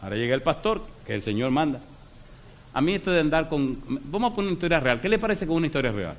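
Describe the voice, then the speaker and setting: A man's voice: fairly high pitch, very animated, fast talker, a little hiss or hum. A middle-aged man preaching a sermon as a pastor, who tells stories with acted dialogue and keeps asking the congregation questions.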